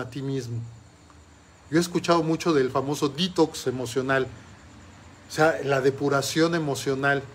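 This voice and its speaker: A man giving a motivational talk as a life coach. He puts questions straight to the listener and slows down to stress each word in his lists. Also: fairly high pitch. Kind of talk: motivational talk with a told story.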